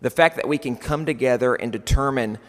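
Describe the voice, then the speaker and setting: A man with a West Texas accent gives a prepared conference talk, using deliberate, emphatic phrasing and repeating key words. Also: medium pitch. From West Texas, United States. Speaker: conference speaker. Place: large indoor conference hall. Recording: echoey hall with long reverb.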